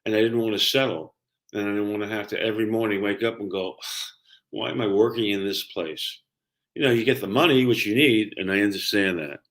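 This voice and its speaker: An older man speaks in a low-pitched voice with a clear Brooklyn accent. He explains things conversationally like a career coach, leaning on key words and often checking that the listener follows. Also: fairly even intonation, brisk, a bit bright. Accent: New York, Brooklyn. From Brooklyn, New York. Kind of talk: conversational explaining and personal storytelling.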